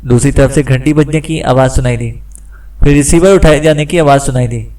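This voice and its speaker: A man narrating a suspense audiobook with steady storytelling delivery. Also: medium pitch, brisk, recorded from a distance, rough recording. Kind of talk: scripted narration.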